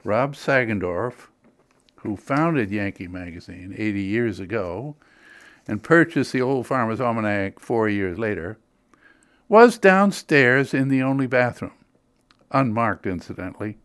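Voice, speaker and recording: Wry older New England storyteller. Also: male voice, lowish voice, animated, measured pace, fairly bright tone, dry recording. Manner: wry, dryly humorous. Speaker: magazine editor. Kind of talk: scripted storytelling narration.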